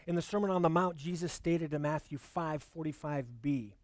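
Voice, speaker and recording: A preacher delivers a sermon in an earnest, measured manner, lingering on key words as he reads scripture. His voice is fairly high and a little mellow. The sound is dry and close, without room echo.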